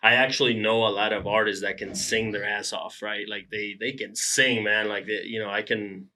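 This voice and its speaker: A man's voice: on the low side, steady tone, normal speed, pushed and bright, slight background noise. A man in his thirties co-hosting a podcast, chatting casually in an upbeat, easygoing way. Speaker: podcast co-host. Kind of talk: casual chat.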